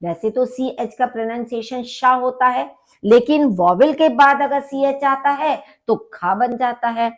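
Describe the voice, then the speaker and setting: A woman's voice: sits high, unhurried. A woman teaching a vocabulary lesson, repeating each word carefully and explaining pronunciation. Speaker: language teacher.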